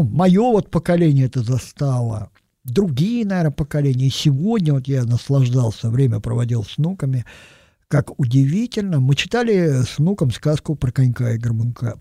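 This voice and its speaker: A man's voice: medium pitch, gravelly, mellow, dry recording, clean studio sound. An older man giving a thoughtful, digressive sermon and dwelling on single words. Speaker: preacher. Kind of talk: reflective sermon.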